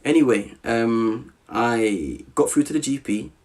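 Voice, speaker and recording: A man from Southeast London, with a South London accent, tells a personal story as a podcast guest in a lively, casual way, often checking that the listener is still with him. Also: medium pitch, a little slow. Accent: South London English. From Southeast London, England. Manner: animated, checks in often with "you with me?".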